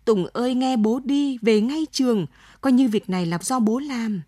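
A woman puts on an elderly father in a storybook reading, desperate and begging, his voice pitched up and raised above her calm telling. The tone is dark and husky, and the recording is dry and close. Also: moderate pace, no room sound, lightly acted. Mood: pleading. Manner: begging, then hard and resolute.

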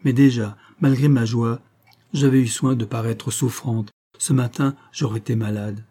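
A man's voice: medium pitch, fairly even intonation, normal speed, mellow, lightly acted. A man voicing an anguished young woman defending herself to her lover in an audiobook, in urgent, pleading sentences.

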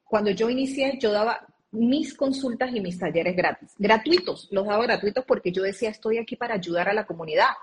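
A woman's voice: medium pitch, fairly quick, a little hiss or hum. A woman speaking as an interview guest over a video call, earnestly explaining and drawing on her own experience.

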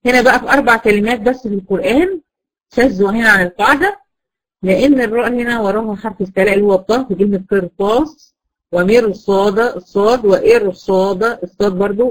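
A woman's voice: mid-range voice, poor audio. A woman with an Egyptian accent teaching Quran recitation rules in an online class, explaining step by step and often checking that her students follow. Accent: Egyptian Arabic.

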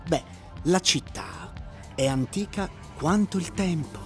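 Over noticeable background music, an actor voices a smug, lecturing sleeping-car conductor for a radio drama, calmly and slyly dodging questions. His delivery is slow, exaggerated and fairly high-pitched, with a patronizing, rhetorical, teacherly manner.

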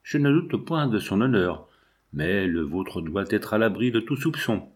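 A man's voice: fairly low pitch, sing-song, measured pace. A man reading a solemn, formal old-world governor. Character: stern, cautious male governor writing a letter.

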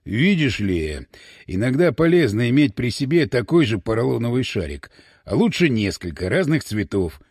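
A man voicing a calm, cunning young army veteran who speaks slowly and sounds innocent. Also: mid-range voice, breathy edge, no room sound, studio quality, voice pushed down.

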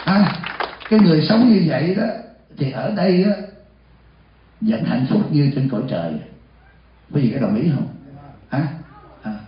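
Senior monk preaching to a live audience; raised pitch, big hall echo, muffled recording. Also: male voice, moderate pace, pauses often, some chatter behind, a little hiss or hum. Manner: lively, asks the audience questions and acts out short dialogues. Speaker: senior monk giving a dharma talk. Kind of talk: sermon. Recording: echoey hall, dull lo-fi sound.

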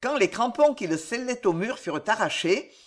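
Expressive audiobook narrator. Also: mid-range voice, normal speed. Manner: expressive, rhythmic reading. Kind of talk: dramatic literary narration.

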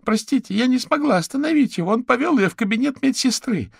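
Male reader voicing a panicked arrested woman, high, rushed, gravelly, audiobook. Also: lively intonation, no room sound, clean studio sound, heavily acted. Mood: frantic. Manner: breathless, rushed. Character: shaken arrested woman blurting a confession.

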